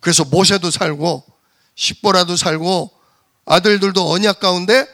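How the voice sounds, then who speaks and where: Gravelly high-voiced male preacher. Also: fairly even intonation, normal speed, fairly bright tone. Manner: emphatic, rhetorical questions and repetition. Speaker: pastor. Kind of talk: sermon.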